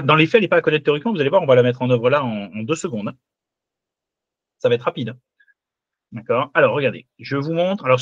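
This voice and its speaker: In a live online class, a man teaching finance walks students through a spreadsheet, lively and checking in often with "d'accord?" to confirm they follow. His voice is medium in pitch, and the recording is dry and lo-fi.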